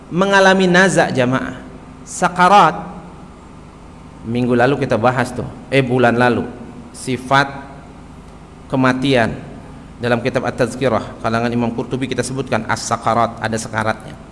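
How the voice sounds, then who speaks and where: A man's voice: mid-range voice, fairly even intonation, normal speed, long pauses, fairly bright tone, in a large hall, slight background noise. A man preaching in a mosque, telling a story and often turning to his listeners. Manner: storytelling, addressing listeners as Pak. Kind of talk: mosque study sermon.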